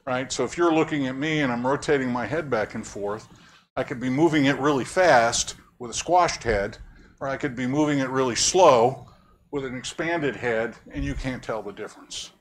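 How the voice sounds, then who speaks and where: A faint hiss or hum accompanies this man's mid-range voice as he lectures at a normal speed. Teaching in a lecture room, he explains concepts conversationally, quizzes listeners, and tosses in wry jokes.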